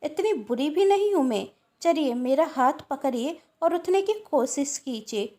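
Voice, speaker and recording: A woman voicing a kind, caring young woman of the house who speaks gently and politely. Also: high-pitched, animated, a little slow. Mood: gentle.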